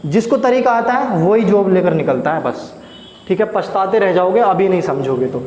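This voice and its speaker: A man's voice: high-pitched, animated, moderate pace, a little mellow. A male math teacher giving a chatty, coaxing blackboard lesson, quizzing his students as he works. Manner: chatty, coaxing, asks the class questions. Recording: echoey room with faint noise.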